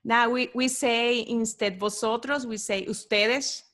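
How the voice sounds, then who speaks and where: A woman's voice: on the high side, fairly even intonation, a little slow, fairly bright tone. A woman from Venezuela with a Venezuelan Spanish accent, a native Spanish speaker chatting hesitantly in English, searching for words. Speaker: guest. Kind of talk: casual chat.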